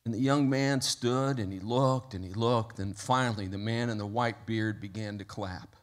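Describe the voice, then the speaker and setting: A man preaching a sermon in a church, telling a story with rising intensity and praying softly. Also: on the low side, normal speed. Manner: storytelling with rising intensity, then soft prayer. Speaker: pastor. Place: church sanctuary.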